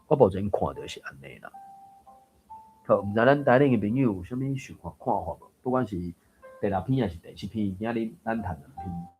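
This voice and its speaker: A man's voice: fairly low pitch, animated, a little fast, muffled recording, faint music behind. A man giving a casual lesson on reading aloud, thinking aloud with many fillers and restarts. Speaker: Taiwanese reading coach.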